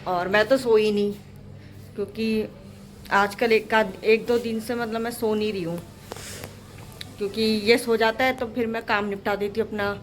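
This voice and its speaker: A woman's voice: mid-range voice, fairly even intonation, normal speed, long pauses, a little hiss or hum. A young woman vlogging from her home kitchen, chatting casually to the camera about her day and her little son while she does her housework. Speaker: vlogger and mother. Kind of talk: casual daily vlog chat.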